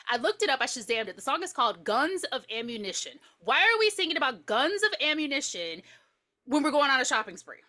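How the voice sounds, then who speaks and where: A woman co-hosting a movie podcast, excitable and profane, jumping in over the others. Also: sits high, fairly quick. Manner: excited and interrupting, often laughing. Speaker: podcast co-host. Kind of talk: casual chat, profane and joking.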